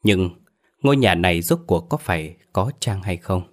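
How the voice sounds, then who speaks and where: A man narrating a scripted ghost story in a steady, measured way. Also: low voice.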